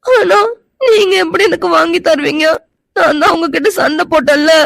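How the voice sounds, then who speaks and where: A woman's voice: extremely high pitch, normal speed, vocal fry, no room sound. A woman voicing a feisty young woman who accuses and argues, and whose voice can turn tearful.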